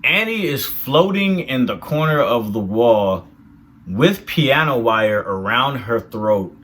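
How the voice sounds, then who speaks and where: A man hosting a casual film review, retelling scenes with animated, profane reactions. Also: medium pitch, slow.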